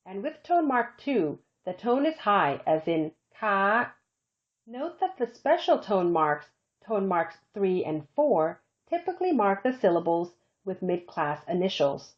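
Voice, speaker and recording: Woman, animated pitch, scripted lesson narration, careful demonstrations, dull lo-fi audio. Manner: slow, careful demonstration of tone examples. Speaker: language instructor.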